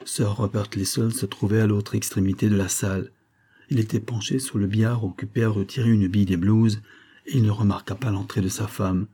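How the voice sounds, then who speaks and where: Low, dark-voiced male audiobook narrator. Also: fairly even intonation, brisk, husky. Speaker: audiobook reader. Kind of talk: scripted narration of a novel.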